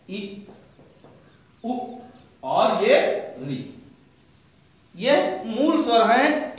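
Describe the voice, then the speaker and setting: Male teacher, high voice, quizzes and answers himself, very echoey classroom sound. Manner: asks questions and answers them himself. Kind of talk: grammar lesson. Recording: very echoey room.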